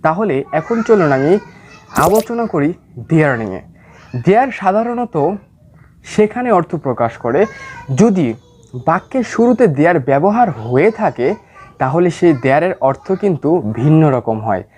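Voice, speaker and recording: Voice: medium pitch, very animated, darkish tone, a little hiss or hum. Bengali tutor explaining English grammar. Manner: slow explanatory pace when reading English examples.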